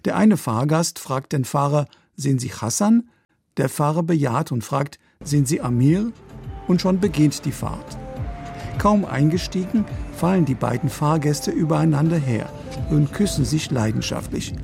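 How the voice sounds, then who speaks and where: A man narrating a scripted radio news report in a measured, even delivery. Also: fairly high pitch, vocal fry, soft background music.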